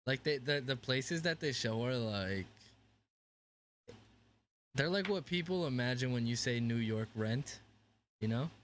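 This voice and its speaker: A man's voice: medium pitch, expressive, a little slow, pauses often, fairly bright tone. Joking young man on a podcast, faint hiss. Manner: joking, laughs often, mimics people in quotes. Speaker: podcast co-host. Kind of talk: casual chat.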